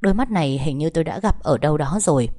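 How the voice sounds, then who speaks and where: Woman narrating a story, low mellow voice. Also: animated, fast talker. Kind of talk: first-person audiobook storytelling.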